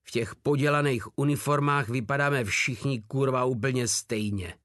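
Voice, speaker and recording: A man reading aloud, voicing a big coarse soldier who swears and shouts, in a dry recording. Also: mid-range voice, dry recording, close to an everyday voice. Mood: angry scorn. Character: coarse brawny soldier, loud, foul-mouthed.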